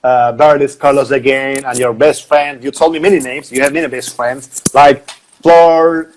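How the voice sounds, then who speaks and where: A man hosting a live online interview, speaking in halting English and repeating words while he searches for them. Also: mid-range voice, fairly even intonation, poor audio. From Turkey. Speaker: interview host. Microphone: video call.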